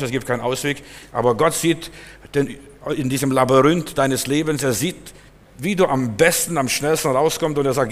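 Emphatic male preacher in a hall. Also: mid-range voice. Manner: emphatic, swinging between loud and soft. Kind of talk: sermon. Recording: long hall reverb.

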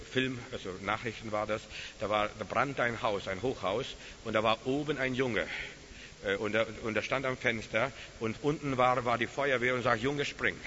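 A man preaching a sermon, telling stories emphatically and swinging between hushed passages and loud, rising calls. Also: on the low side. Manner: emphatic storytelling, dropping to hushed tones then rising. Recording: dull hissy recording in a reverberant hall.

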